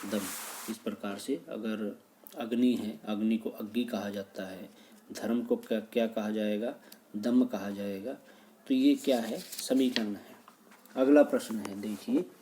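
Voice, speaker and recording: A man's voice: fairly low pitch, warm tone. A man teaching as he works through exam questions, reading each one, restating it and explaining the answer. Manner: reads a question, then repeats and explains it.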